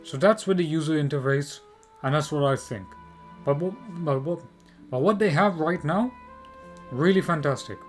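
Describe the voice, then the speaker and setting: A man's voice: fairly high pitch, moderate pace. A man giving opinionated video game commentary, emphatic and repetitive, often posing rhetorical questions. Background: music.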